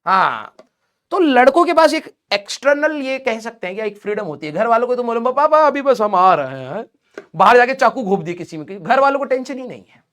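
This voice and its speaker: A man's voice: extremely high pitch, sing-song, a little fast, fairly bright tone. A male teacher casually telling his students a personal story, full of fillers and laughing as he talks. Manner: chatty, fillers like "ठीक है" and "भाई साहब".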